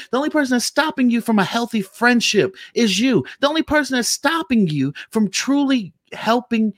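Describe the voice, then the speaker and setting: Preachy higher-voiced man, dry sound. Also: no echo. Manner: preachy, repetitive emphatic delivery. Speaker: co-host. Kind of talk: motivational podcast talk.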